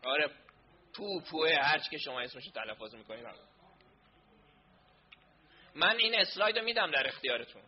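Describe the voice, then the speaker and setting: A man's voice: on the high side, lively intonation, dull audio. Flustered man fixing tech mid-session. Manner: flustered, sorting out tech problems aloud. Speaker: online class presenter. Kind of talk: casual talk during a live online session.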